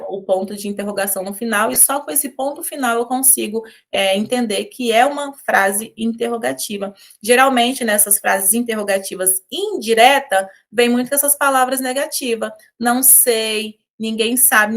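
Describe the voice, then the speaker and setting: Woman teacher, somewhat high voice, patient exam-prep grammar lesson with frequent check-ins. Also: fairly bright tone. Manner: explanatory, repeats key phrases, checks in with "tá?" and "ó".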